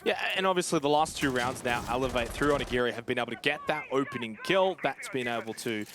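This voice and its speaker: A medium-pitched male esports caster gives analytical live commentary on a match, offering measured play-by-play. Background noise can be heard.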